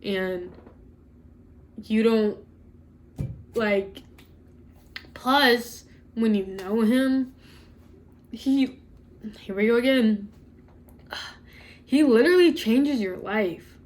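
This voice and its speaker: A woman's voice: fairly high pitch, extremely slow, long pauses, a little mellow. A young woman talking to camera in a casual, earnest way, chatting directly to her viewers with lots of "like" and "y'all.". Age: young adult. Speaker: vlogger.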